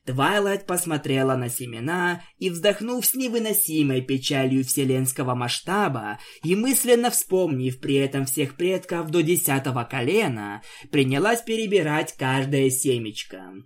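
A reader narrating an amateur fan story with expressive storytelling. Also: mid-range voice, normal speed, hardly any pauses.

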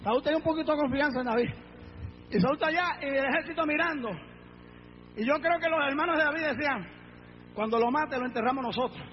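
A male pastor preaching a sermon, fervent and dramatic, often shouting praise. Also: very high voice, fast talker. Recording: dull lo-fi recording with faint noise.

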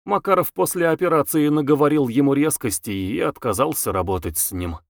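A male audiobook reader voicing a chatty, excitable young woman who gossips and exclaims breathlessly. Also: fairly high pitch, a little fast, no room sound, studio quality, pitched above the performer's own voice, natural voice. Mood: gossiping. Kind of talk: audiobook character voice.

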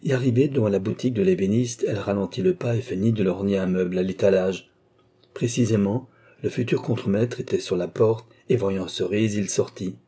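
A middle-aged male narrator reading a novel aloud in a measured, steady manner. His voice sits low, with a husky, dark and mellow grain. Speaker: audiobook narrator. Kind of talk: scripted narration.

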